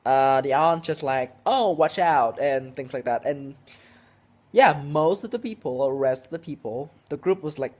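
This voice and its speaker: A man's voice: mid-range voice, normal speed, a little mellow. A sixteen-year-old boy tells a casual vlog story, rambling and restarting, with lots of "like" and "um". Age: teenager, 16. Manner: rambling, heavy with "like" and "um", frequent restarts. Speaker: vlogger.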